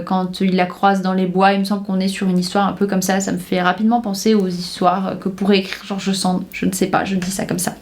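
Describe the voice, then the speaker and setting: A young woman from France chatting casually about her reading list on her podcast, enthusiastic, with many fillers and restarts. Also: medium pitch. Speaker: book podcaster. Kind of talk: casual book chat.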